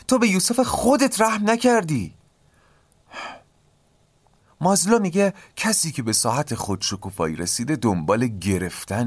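A man hosting a podcast, calmly explaining ideas in a reflective lecture and often asking rhetorical questions. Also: mid-range voice, no echo. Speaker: podcast host.

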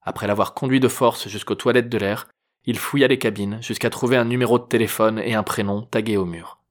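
A man narrating a novel chapter in a measured, even reading voice. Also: fairly low pitch. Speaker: audiobook narrator. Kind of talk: scripted narration.

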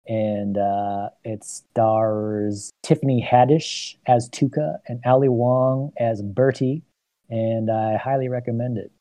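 Mellow-voiced man recommending eagerly. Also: mid-range voice, no room sound. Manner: enthusiastic, halting with fillers. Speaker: podcast co-host. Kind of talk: casual chat.

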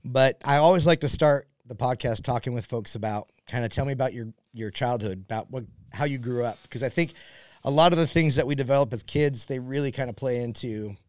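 A man's voice: mid-range voice, brisk, a little mellow, no room sound. Upbeat, chatty male podcast host. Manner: upbeat, chatty, calls himself an extrovert. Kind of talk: casual interview chat.

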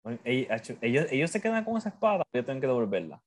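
Joking man, mid-pitched. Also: big pitch swings, very fast. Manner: joking, hesitant with filler words. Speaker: wrestling podcast co-host. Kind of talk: casual podcast chat.

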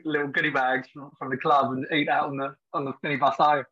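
A man's voice: a little high, flat delivery, fast talker, breathy edge, muffled recording. A man with an Essex accent chatting casually as an interview guest, in a matey, colloquial way. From Essex, England. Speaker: podcast guest, former academy footballer.

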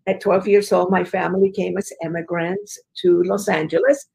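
A woman's voice: fairly low pitch, fairly even intonation, normal speed, creaky, dark tone, low-quality recording. A woman from Chile, a guest in an interview, telling her life story in an earnest, emphatic way with frequent fillers. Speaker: guest, business educator.

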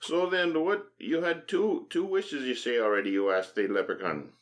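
A man's voice: mid-range voice, normal speed, voice pushed up, natural voice. A man voicing a chatty, obliging leprechaun in a comedy skit. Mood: musing. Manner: lilting stage-Irish leprechaun voice. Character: chatty old-country Irish leprechaun helper.

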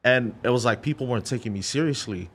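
A man's voice: mid-range voice, fast talker, breathy edge. A man from Australia with an Australian accent, a guest DJ telling stories in a casual podcast interview in a studio. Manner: relaxed storytelling with slangy asides. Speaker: guest DJ and remixer.

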